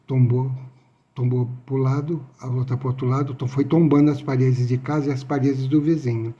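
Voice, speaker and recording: A man telling his personal testimony, halting and repeating his phrases. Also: medium pitch, level tone, mellow, dull audio. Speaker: near-death experience witness.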